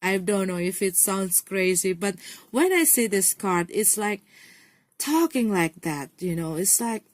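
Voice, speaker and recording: Woman, tarot reader, casual reading to camera, unhurried pace, dry close sound, encouraging, repetitive phrasing. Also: mid-range voice, animated, no room sound. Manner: encouraging, repeats phrases, many "you know" fillers.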